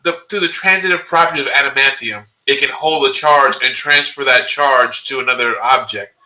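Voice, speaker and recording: A man's voice: mid-range voice, brisk, bright, forceful tone. A man chatting casually as a podcast co-host, his voice coming through a tinny, metallic-sounding remote mic. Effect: tinny, tin-can sounding mic. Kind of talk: casual chat.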